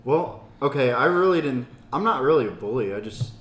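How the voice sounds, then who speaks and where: A man's voice: mid-range voice, animated, fairly quick, a bit bright. A young man in his twenties co-hosting a podcast, rambling and joking in casual chat with a hesitant manner. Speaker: podcast co-host. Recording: echoey room with faint noise.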